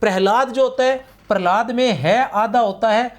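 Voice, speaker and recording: A man whose voice is extremely high-pitched teaches exam-prep grammar at normal speed. Patient and repetitive, he drags out key words while writing on the board and keeps checking with students through frequent "theek hai na."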